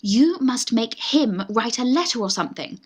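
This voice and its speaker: Her fairly high, slightly rough voice is animated and moves at normal speed as this British-accented woman acts an eager, lovestruck young Victorian lady. The radio farce performance is genteel and pleading, in the style of Victorian stage farce.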